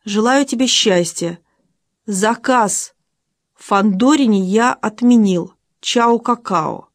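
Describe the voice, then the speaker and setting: A woman's voice: mid-range voice, slow pace, no echo, clean studio sound. A woman voicing a man who leaves a cool, offhand breakup message, in an audiobook. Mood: dismissive. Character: man leaving a cold, flippant breakup message. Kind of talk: audiobook character voice.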